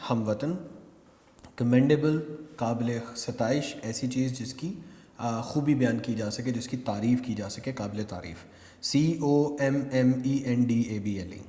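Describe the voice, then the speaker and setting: Pakistani guy teaching vocab, spells each word out slow, warm low tone, echoey classroom. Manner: spells words out letter by letter, mixing English and Urdu. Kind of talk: recorded classroom lecture. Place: classroom with whiteboard. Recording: echoey room with long reverb.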